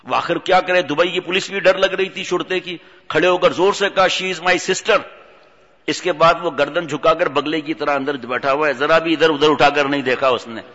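A man giving a humorous religious sermon, telling stories and acting out the characters in an animated way. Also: fairly high pitch, hardly any pauses. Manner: animated storytelling, acts out voices. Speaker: preacher. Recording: dull audio in long-reverb hall.

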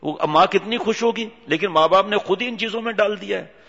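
A male preacher giving an animated sermon full of rhetorical questions and scolding, in a reverberant hall on a dull lo-fi recording. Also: high voice, vocal fry.

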